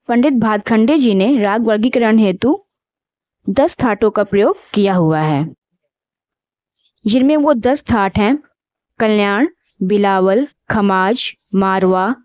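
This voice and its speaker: A woman teaching an exam-prep lesson, reading options slowly and repeating each answer. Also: on the high side, a little mellow, dry recording. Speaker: music exam tutor.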